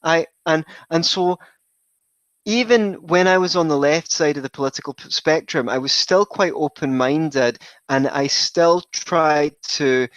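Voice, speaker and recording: A man's voice: fairly high pitch, unhurried, fairly bright tone, no room sound, lo-fi sound. A man with a Scottish accent, a podcast guest telling his story in a wry, rambling way that keeps correcting itself. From Scotland. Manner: wry, digressive, self-correcting. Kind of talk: casual interview chat.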